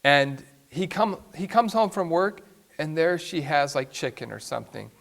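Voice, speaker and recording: A man's voice: on the high side, lively intonation, moderate pace, vocal fry, a bit bright. A man, a priest, telling a story in a sermon with an emphatic way of speaking.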